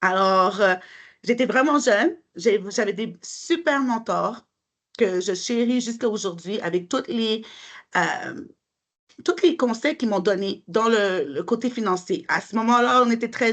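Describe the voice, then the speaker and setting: A friendly woman with a Quebec French accent answers interview questions in a fairly high voice. She hesitates often, filling her pauses with fillers and restarts. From Montreal. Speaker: guest, mortgage broker.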